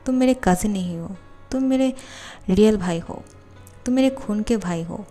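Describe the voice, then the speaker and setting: Woman doing a caring big-cousin boy, pleading, soft mellow tone. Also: medium pitch, moderate pace, soft background music, natural voice. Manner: pleading, protective. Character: twelve-year-old boy, caring older cousin. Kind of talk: fan fiction voiceover storytelling.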